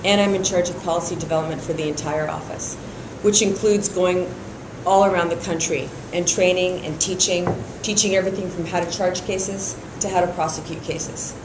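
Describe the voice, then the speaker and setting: This is a district attorney hopeful in an endorsement interview: a middle-aged woman from Iran who was raised in San Francisco. Her fairly low voice has fairly even intonation and a moderate pace, with hardly any pauses, though fillers come often as she speaks steadily. The audio sounds roomy, and noise sits in the background.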